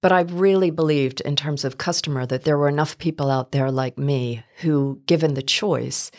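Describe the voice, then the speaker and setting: Low-voiced woman telling her story. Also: normal speed. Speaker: interview guest, business founder. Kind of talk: reflective personal storytelling.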